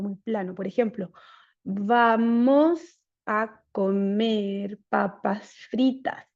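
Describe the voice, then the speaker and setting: A woman speech therapist giving an online lecture, explaining things clearly and steadily. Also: a little high, dull audio. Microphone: video call.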